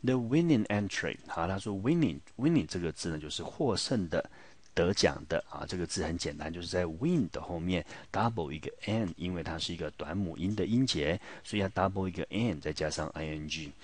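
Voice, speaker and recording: A man's voice: low voice, expressive, brisk, breathy edge. A male teacher with a Taiwanese Mandarin accent, patiently explaining English vocabulary in a classroom lesson and asking his students rhetorical questions. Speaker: high school English teacher.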